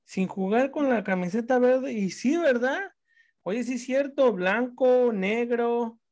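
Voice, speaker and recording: A man hosting a casual sports talk show, animated and swearing casually as he restarts sentences. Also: very high-pitched, slow.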